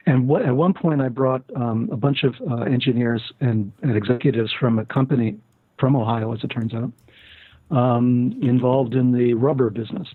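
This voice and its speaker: Husky older man on a tinny line. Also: mid-range voice, no room sound. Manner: storytelling, many fillers and restarts. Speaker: guest. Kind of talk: casual interview talk. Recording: tinny phone-line sound.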